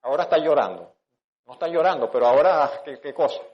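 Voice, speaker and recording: Pastor, male, fairly high voice, chatty sermon delivery, often restarts his sentences. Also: expressive, fast, muffled recording. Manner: conversational preaching with restarts and rhetorical questions.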